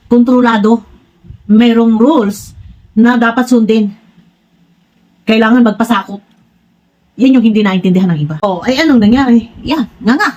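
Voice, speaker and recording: Here's a medium-pitched woman with a darkish tone, captured on dull audio. She comments on online personalities in a casual vlog, speaking bluntly and frankly straight to viewers, insisting she's direct to the point even as she rambles through many restarts.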